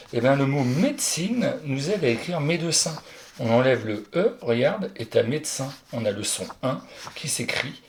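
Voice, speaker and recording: A man's voice: mid-range voice, vocal fry, a little hiss or hum. A man teaching a young pupil, going through spelling exercises and talking straight to the child, often stopping to correct his own slips. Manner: talks directly to the child, chatty, corrects himself aloud. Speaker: primary school teacher.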